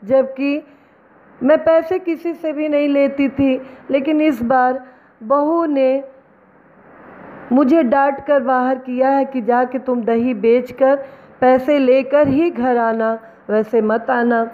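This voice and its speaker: A poor, meek old mother-in-law, played by a woman telling the story, pleading slowly in a plaintive tone. Her voice stays high and unhurried. The sound is narrow and phone-like. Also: fairly even intonation. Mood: distressed. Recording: tinny phone-like recording.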